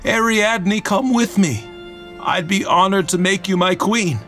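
A woman's voice: mid-range voice, measured pace, fairly bright tone, faint music behind, close to an everyday voice. Storybook hero, young man, earnest and level; woman narrator voicing him. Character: brave young male hero.

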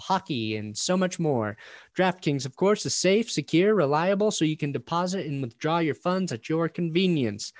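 Higher-voiced man rattling off a legal disclaimer. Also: no room sound, clean studio sound. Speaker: sports talk show host. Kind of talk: sponsor ad read ending in legal disclaimer.

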